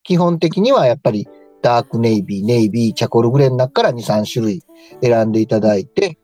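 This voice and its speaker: A man's voice: medium pitch, expressive, fast talker, warm tone, faint music behind. A man with a Kansai Japanese accent giving a polite, informal explanatory talk as a radio co-host and stylist. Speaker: co-host, stylist and tailor shop manager.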